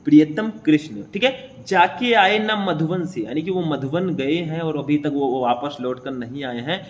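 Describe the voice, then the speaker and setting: A man's voice: on the high side, moderate pace, a little mellow. Young guy teacher going through a poem, keeps checking in, faint hiss behind. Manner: repetitive, checks in with the listener. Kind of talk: explaining a Hindi poem in class.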